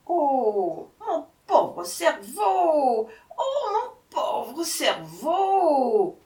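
A woman voicing a sly male jackal who plays dumb in a storybook tale, whining in a high, drawn-out, fretful voice. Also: big pitch swings, warm tone, exaggerated voice. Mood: whiny feigned confusion. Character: sly male jackal feigning silly confusion. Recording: echoey room, voice from far off.

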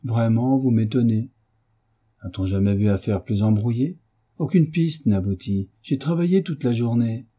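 A man's voice: mid-range voice, moderate pace, warm tone, slightly rough, natural voice. A man voicing an irritable, sneering police inspector in an audiobook reading, with a bitter, insistent manner. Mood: aggrieved.

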